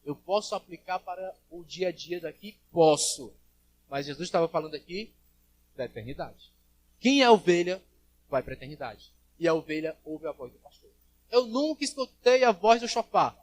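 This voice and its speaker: A man preaches to his congregation in a fairly high voice. He rises to loud, ringing calls and drops to low, quiet asides. He acts out the voices of the people he quotes. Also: a little hiss or hum. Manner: preaching with big swings in loudness, acting out quoted voices. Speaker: pastor. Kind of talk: sermon. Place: church service.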